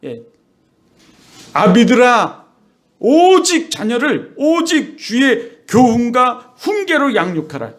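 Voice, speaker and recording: A middle-aged male pastor delivers a sermon with a fairly high-pitched voice. He preaches in a lively way and slips into the voices of children and parents to make his points. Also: slow.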